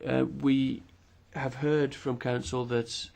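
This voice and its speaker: Speaking flatly in a creaky, slightly mellow mid-range voice, a man handles simultaneous interpretation of speeches at a parliamentary committee hearing. His style is formal and measured, with pauses and occasional fillers.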